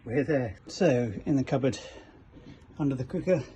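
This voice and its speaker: Aboard a small cabin motorboat, a man with a warm, medium-pitched voice talks through an informal DIY job at normal speed for a boat fitting shop's how-to videos. He occasionally hesitates and gropes for words while working, captured on dull, lo-fi camera sound with a little noise.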